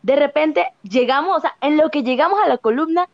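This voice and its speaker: High, lively Venezuelan woman chatting. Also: fairly quick, dry recording. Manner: animated, gossipy storyteller with sound effects. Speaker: podcast co-host. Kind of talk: casual chat. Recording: dull lo-fi dry sound.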